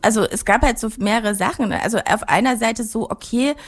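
A German woman in her forties, a filmmaker, is the guest in an interview conversation. Her voice is fairly high and fairly quick, and she speaks reflectively, searching for her words.

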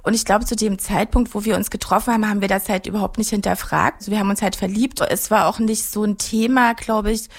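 A woman's voice: mid-range voice, steady tone, fast, hardly any pauses. A German woman in her forties, a filmmaker being interviewed, talking reflectively and searching for her words. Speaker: filmmaker guest. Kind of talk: interview conversation.

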